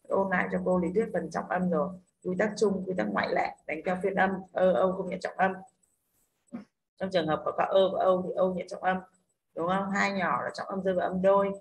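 A woman with a lowish voice and a Northern Vietnamese accent teaches English in an online class, with a little hiss or hum in the audio. She walks through pronunciation rules step by step and keeps checking on her students with "đúng không?".

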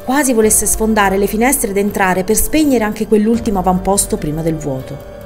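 A woman narrating a literary audiobook in a measured, expressive reading. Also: medium pitch, faint music behind. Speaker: audiobook reader.

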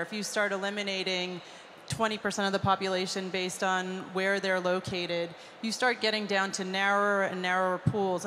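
A woman's voice: medium pitch, fairly bright tone. A woman speaking directly and decisively as a panelist on a conference stage, holding a handheld mic. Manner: direct, matter-of-fact, decisive. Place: large conference hall stage. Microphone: handheld microphone. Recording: reverberant hall with faint noise.

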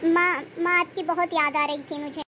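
A sorrowful childless young wife. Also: female voice, very high-pitched, level tone, moderate pace, sharp tone, slight background noise. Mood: sad, resigned. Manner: tearful, resigned pleading. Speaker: cartoon character.

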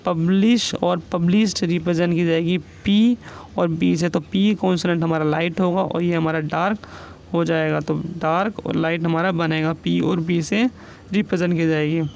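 High gravelly male shorthand teacher. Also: fairly even intonation, darkish tone, highs cut off. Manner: dictates each example word slowly and repeats it. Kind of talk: classroom explanation.

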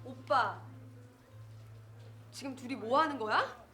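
A woman's voice: high-pitched, takes it slowly, bright, forceful tone, faint music behind, heavily acted. An actress playing a jealous, hot-tempered young woman in a romantic comedy film, brash, coarse and scolding. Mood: jealous, angry. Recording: echoey film scene with faint background noise.

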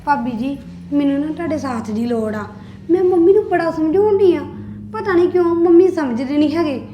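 In a Punjabi family drama, a woman plays Preeti, a worried young sister-in-law, speaking earnestly and confidingly. Her high voice is animated and a little fast, while the recording has clipped highs and a faint hiss or hum.

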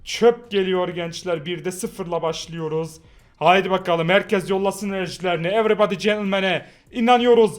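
Excitable young man hyping pack openings. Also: high voice, normal speed, slight background noise. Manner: hype-shouting, pleading with the game, groaning at bad luck. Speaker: mobile football game streamer.

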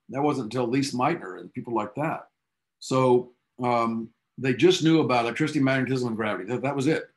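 Enthusiastic male physics teacher lecturing. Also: mid-range voice. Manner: enthusiastic storytelling, casual asides. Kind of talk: classroom lecture.

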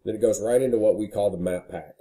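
A man's voice: lowish voice, fast talker, dark tone. A man casually walking through a screen recording as a marketing consultant, talking with frequent "you know" fillers. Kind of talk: screen-share walkthrough.

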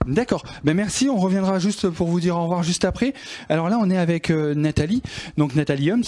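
A man's voice: high voice, brisk, darkish tone. A man hosting a casual radio interview, talking hesitantly with many restarts.

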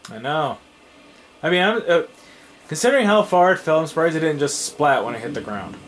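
A man's voice: a little high, animated, a little fast. A tired young man hosting a casual let's play, rambling and trailing off with fillers as he comments on the game.

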